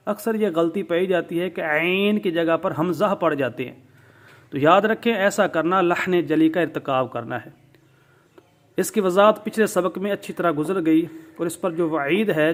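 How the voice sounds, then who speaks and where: A man with a Pakistani Urdu accent teaching Quran recitation rules, explaining patiently step by step and drawing out vowels to demonstrate. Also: high-pitched. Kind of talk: tajweed lesson.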